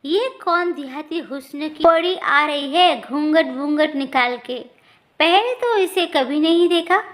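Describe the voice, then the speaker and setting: A woman voicing a sleazy, smooth-talking male village tailor who wheedles and then defends himself. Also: sits high, unhurried, fairly bright tone. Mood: wheedling.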